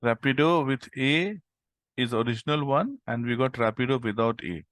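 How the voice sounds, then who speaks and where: A man's voice: mid-range voice, normal speed, a bit bright, dry recording. A man teaching a live coding tutorial over an online call, explaining step by step with frequent "okay" and "right?". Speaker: instructor.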